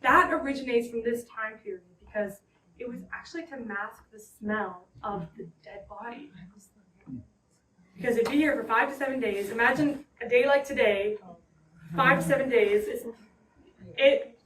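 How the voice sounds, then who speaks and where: Echoey, distant higher-voiced woman guiding a tour. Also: a bit bright. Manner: conversational, halting, loosely explanatory. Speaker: ghost tour guide. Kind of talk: informal guided tour narration to a small group. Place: indoors in a house parlor. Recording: roomy echo, distant mic, background noise.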